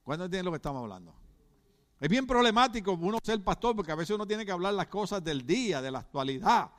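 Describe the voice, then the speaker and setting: A middle-aged pastor preaches in a church with a fairly high voice. He is lively and questioning, turning to the congregation again and again. His delivery is animated and direct. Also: fast. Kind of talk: sermon.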